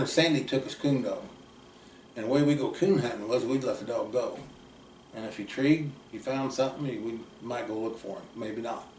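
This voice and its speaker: Older man spinning yarns. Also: medium pitch. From southeast Kansas. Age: 70s. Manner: folksy, drifting, trails off quietly at ends. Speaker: uncle telling stories. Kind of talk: casual rambling storytelling. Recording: roomy, distant mic, faint background noise.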